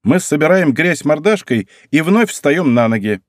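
A man doing a boastful young girl, high, lively, mock-pompous, audiobook. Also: moderate pace, no room sound, clean studio sound. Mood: playful boasting. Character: playful haughty girl, cheeky and theatrical. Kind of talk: audiobook reading.

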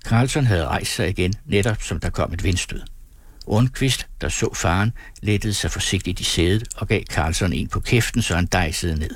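A man reading a novel aloud as an audiobook narrator, in a measured storytelling manner. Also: low voice, dry recording. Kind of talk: scripted narration.

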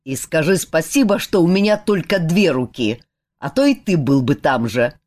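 A woman's voice: sits low, expressive, moderate pace, a little mellow. A woman reading a huge, blunt warrior who growls and scolds with open scorn. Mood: angry, scornful.

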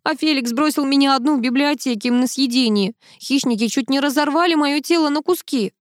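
A woman's voice: high-pitched, a little fast, no echo, studio quality, voice pushed up, natural voice. A woman voicing a hysterical woman who is terrified of mice and shrieks her lines. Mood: panicked. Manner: shrieking, screaming.

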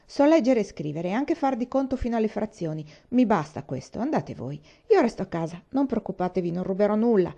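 A woman's voice: mid-range voice, very animated, fairly quick, few pauses, lo-fi sound. A woman voicing a brash, blunt orphan girl who talks back defiantly. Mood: stubborn. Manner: blunt and defiant, loud outbursts.

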